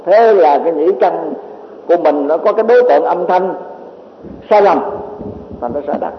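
A high-pitched man lectures as a Buddhist monk, teaching his listeners and posing rhetorical questions. His voice rings in a roomy hall with a long reverb tail. The recording is dull and lo-fi, with a faint hiss behind it. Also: moderate pace. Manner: rhetorical questions, many repeated filler words.

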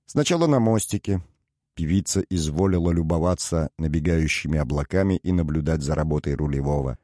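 A man reading a novel aloud as an audiobook narrator, measured and even. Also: a bass voice, dry recording, clean studio sound.

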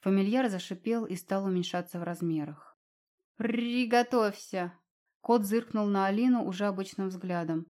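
A woman's voice: mid-range voice, brisk, hardly any pauses, dark tone. Woman reading a fantasy audiobook. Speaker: audiobook narrator. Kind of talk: scripted narration.

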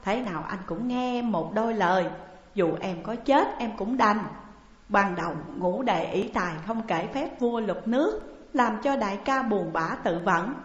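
A woman's voice: mid-range voice, natural voice. A woman voicing a tearful younger sworn brother who pleads with his elder in an audiobook story. The recording is dull and echoey. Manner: weeping, imploring, emotional.

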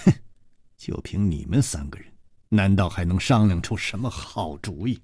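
A man's voice: medium pitch, sing-song, unhurried, smooth, dry recording, studio quality. A man voicing a cold, sneering male martial-arts disciple who taunts his foes in clipped, scornful lines, in a storytelling broadcast.

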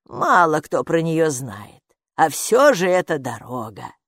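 A woman reading an audiobook and voicing a stern underground gatekeeper woman who speaks slowly and grumbles. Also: sits low, sing-song, fairly bright tone, no echo, studio quality, exaggerated voice. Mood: grumbling. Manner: slow, grumbling, deliberate.

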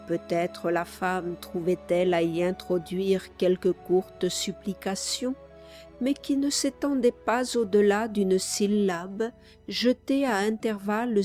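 A woman narrating a classic novel as an audiobook in a measured, deliberate reading. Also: medium pitch, darkish tone. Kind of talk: scripted narration.

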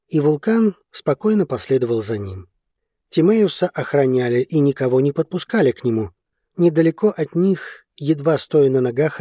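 Husky male audiobook narrator. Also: mid-range voice, dark tone, dry recording, clean studio sound.

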